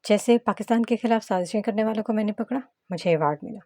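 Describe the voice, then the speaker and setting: Woman voicing a feisty sharp-tongued young wife. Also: mid-range voice, quick pace, no room sound, natural voice. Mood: soft. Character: feisty young wife, quick-tempered secret agent.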